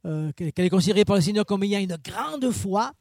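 Male preacher, chatty sermon with fillers and asides, high voice, mellow dark tone, dry close sound. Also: fast, no room sound. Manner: animated, swinging pitch and loudness.

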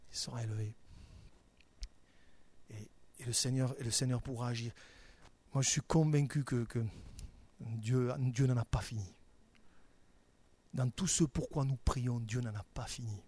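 A man preaching a sermon as a pastor. His delivery is halting and repetitive, with restarts and filler. It swings between hushed, reflective stretches and loud, emphatic bursts at a middling pitch. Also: husky.

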